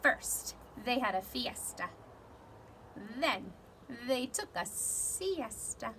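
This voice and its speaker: A woman reading a children's story aloud in an animated, dramatic way. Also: on the high side, background noise. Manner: animated, dramatic delivery with measured phrasing. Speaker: storybook reader.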